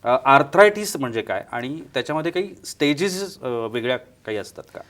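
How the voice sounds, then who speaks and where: A man's voice: medium pitch, lively intonation, a little fast, fairly bright tone. A man hosting a TV health program, introducing the guest formally and asking questions. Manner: formal, frequent short acknowledgments. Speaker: TV show host.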